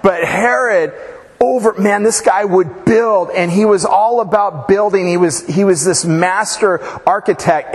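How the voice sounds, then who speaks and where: A man preaching a casual sermon, telling stories with informal asides, fillers and restarts. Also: high voice. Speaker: pastor. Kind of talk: conversational sermon with storytelling. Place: church sanctuary. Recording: reverberant church hall.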